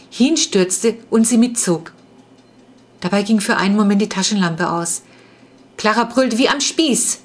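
A woman narrating a spooky children's story with measured suspense. Her voice sits at a middling pitch and builds tension steadily through the reading. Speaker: audiobook narrator. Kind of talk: scripted narration.

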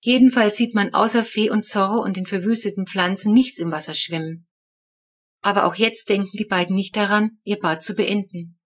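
A woman narrating a children's audiobook in the first person, with a lively, wry telling. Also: mid-range voice, moderate pace.

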